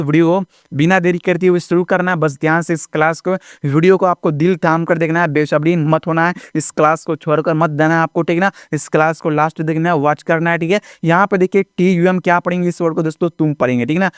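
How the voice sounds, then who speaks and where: A man's voice: on the high side, steady tone, fast, hardly any pauses, clear, resonant tone, no echo, studio quality. A man teaching a video lesson in speech, often repeating himself and checking in with his students. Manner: repetitive, keeps checking in with the audience.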